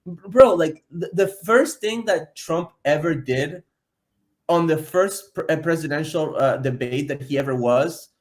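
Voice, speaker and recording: A man's voice: on the high side, measured pace. Blunt, profane male podcast guest. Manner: blunt, profane, laughing asides. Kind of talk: casual political chat.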